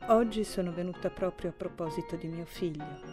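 A woman's voice: medium pitch, moderate pace, music in the background, close to an everyday voice. Woman voicing a composed grieving mother. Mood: restrained grief. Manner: calm, quiet and restrained. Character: grieving middle-aged mother, composed and deferential.

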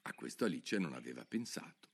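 Guy reading a kids storybook aloud, super animated, voice all over the place. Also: a bass voice, a little fast, gravelly. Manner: expressive, animated, wide-ranging delivery. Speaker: narrator.

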